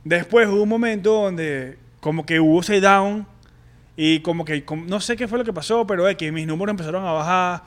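A young man with a Venezuelan accent candidly telling a personal story on a podcast, halting and full of slang. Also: high voice. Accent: Venezuelan Spanish. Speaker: podcast co-host.

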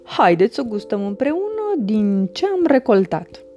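A woman voicing a hungry male wolf who grows vegetables, speaking in drawn-out exclamations. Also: mid-range voice, very animated, dark tone, muffled recording, close to an everyday voice. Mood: kind. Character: hungry gardening wolf, male, gruff then kind.

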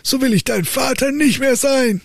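A man voicing an old count, an angry father who scolds his son in a high, strained voice. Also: normal speed, vocal fry, no room sound, clean studio sound, heavily acted. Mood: furious. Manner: shouting in high strained outrage.

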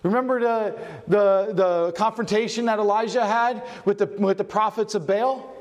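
A pastor preaching a sermon, asking his congregation questions and varying his pace and loudness for emphasis. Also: high voice. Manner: asks the congregation questions and answers them.

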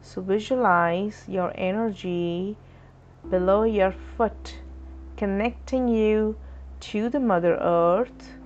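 A woman leading a guided chakra meditation in a slow, soothing, instructive way. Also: medium pitch, a little hiss or hum. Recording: dull lo-fi recording with soft music.

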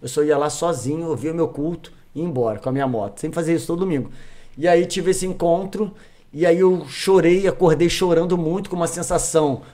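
Animated Brazilian man, fairly high voice. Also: a little fast. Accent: Brazilian Portuguese. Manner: animated, repeats phrases for emphasis. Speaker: podcast guest. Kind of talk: casual chat, personal storytelling.

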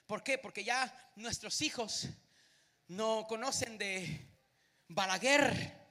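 High-pitched man, bright tone, preaching live, echoing hall. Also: slow pace. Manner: animated, asks the crowd questions. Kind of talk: live sermon to a congregation.

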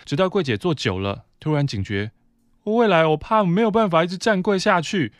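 A man's voice: a little high, expressive, brisk, no room sound, clean studio sound. A man from Taiwan, a podcast host, reading a listener's letter aloud in a conversational way with brief asides.

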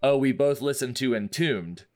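A man's voice: medium pitch, animated, moderate pace. Easygoing male co-host who curses and laughs his way through an album review. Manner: loose and laughing, swears, many fillers. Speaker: podcast co-host. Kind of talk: casual chat reviewing an album.

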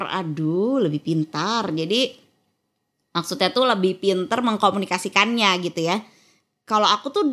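Fast-talking woman in casual chat. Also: on the high side. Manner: chatty, lively, often acts out quoted speech. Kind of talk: casual conversation.

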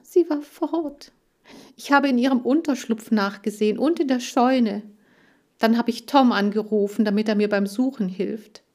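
A woman's voice: fairly high pitch, normal speed, dark tone, voice pushed up, close to an everyday voice. A woman reading a children's audiobook, voicing an agitated, tearful girl who cares for farm animals. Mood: distressed. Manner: agitated, pleading, raised voice.

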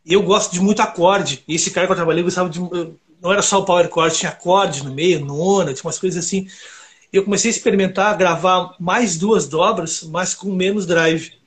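A high-pitched man talks shop in a loose, rambling way. He tells animated stories packed with fillers and asides, like a recording engineer chatting on a podcast. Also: a little fast. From Brazil. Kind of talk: casual podcast chat.

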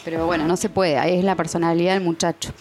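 A woman's voice: fairly low pitch, flat delivery, a little mellow, slight background noise. Laughing Rioplatense woman hosting. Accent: Rioplatense Spanish. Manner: laughing, quick, acts out little scenes. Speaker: podcast host. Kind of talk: casual chat.

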